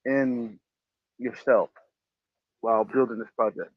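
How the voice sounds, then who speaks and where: This male podcast host speaks at medium pitch with a steady tone, a measured pace, and a breathy edge. On his casual talk show he preaches motivational advice emphatically, circling back to the same phrases, and the dull, lo-fi audio has no echo.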